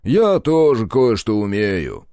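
A male narrator voicing a brash, hot-tempered buddy in an audiobook, shouting and cursing with raised, forceful lines. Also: lowish voice, big pitch swings, takes it slowly, no echo, studio quality, full character voice.

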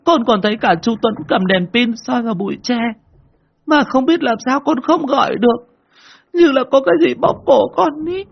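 A man's voice: extremely high pitch, normal speed, creaky, dull audio, voice pushed up, full character voice. A man voicing a terrified young boy who stammers and sobs. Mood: tearful, terrified. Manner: stammering, tearful. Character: terrified young boy, sobbing after being possessed.

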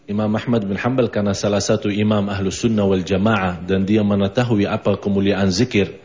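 A man's voice: lowish voice, fairly even intonation, brisk, a little mellow. A man with an Indonesian accent giving a mosque sermon, telling a story, acting out the voices and chanting phrases of remembrance, on a dull lo-fi broadcast recording. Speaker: preacher.

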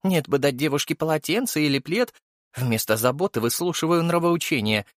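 A man's voice: fairly high pitch, expressive, fairly quick, no room sound, studio quality, voice pushed up, close to an everyday voice. A man reading an audiobook and voicing a teasing, mischievous young noblewoman who mocks playfully and theatrically.

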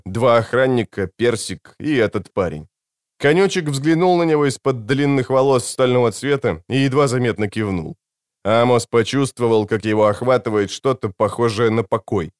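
A man narrating an audiobook with an expressive reading of a science-fiction novel. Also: fairly low pitch, no room sound, studio quality.

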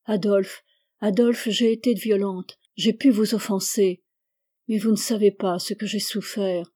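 A woman reads the part of a feverish, heartbroken young woman who pleads slowly and tenderly. Her voice is mellow and warm, not shrill, and each line comes from a storybook reading. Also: steady tone, breathy edge. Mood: pleading.

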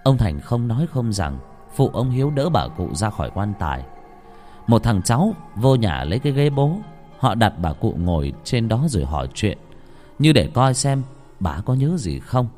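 A man narrating a scripted horror story, dramatic and expressive. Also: medium pitch, normal speed, soft background music. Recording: long hall reverb.

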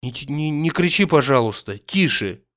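A man reading the part of a weary, timid grown man who answers quietly and pleadingly, in a slightly dull recording. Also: on the high side, lively intonation, moderate pace. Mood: hushed.

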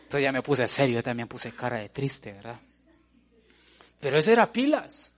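A man preaching a sermon, lively, swinging from loud to hushed as he calls the listeners brother. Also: medium pitch, normal speed. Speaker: pastor.

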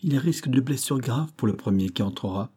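A man's voice: mid-range voice, expressive, fast talker, warm tone, slightly rough. A man voicing a cautious, worried engineer in an audiobook, protesting in insistent, raised tones. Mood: alarmed.

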